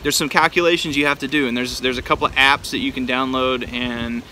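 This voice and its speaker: A man's voice: medium pitch, steady tone, brisk, bright, forceful tone. An American man from Texas speaking casually and informally from his backyard, giving a hands-on demonstration to camera. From Texas, United States. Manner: informal, laid-back address from the backyard. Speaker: vlogger presenting vintage cameras. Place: outdoors in a backyard by a pool. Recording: outdoor backyard with faint background noise. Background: faint outdoor pool noise.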